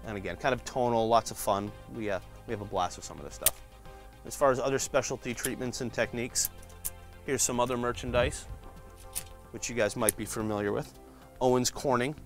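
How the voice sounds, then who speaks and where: A man with a fairly low voice walks visitors through a print shop's department, chatting casually as he shows off shirts. He pauses often with fillers, and faint music plays underneath. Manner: relaxed, frequent "uh" fillers, explains while flipping through shirts. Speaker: print shop department guide. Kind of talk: casual walkthrough showing products.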